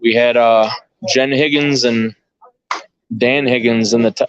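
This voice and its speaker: Here a bowling tournament commentator and organizer thinks aloud informally, giving casual, off-the-cuff commentary as he tracks the play live. His mid-range voice holds a steady tone at a measured pace. Background noise is present, and the live stream audio is dull and lo-fi.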